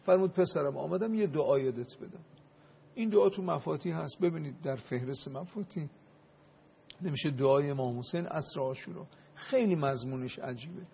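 Gravelly impassioned man on lo-fi radio. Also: fairly high pitch. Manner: impassioned, swelling to loud emphasis. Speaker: religious speaker. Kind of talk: religious talk and prayer on radio. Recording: dull lo-fi radio broadcast.

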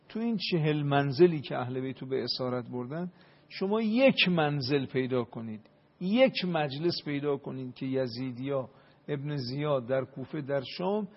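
A man giving an impassioned religious talk and prayer, building up to loud emphasis at times. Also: on the high side. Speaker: religious speaker. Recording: dull lo-fi radio broadcast.

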